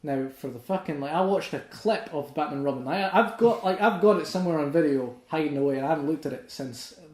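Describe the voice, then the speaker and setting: A young man with a high voice rants excitedly through a casual podcast chat, swearing freely. The sound is roomy and echoey. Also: fast talker. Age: young adult. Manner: swears a lot, ranting and excitable. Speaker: podcast host.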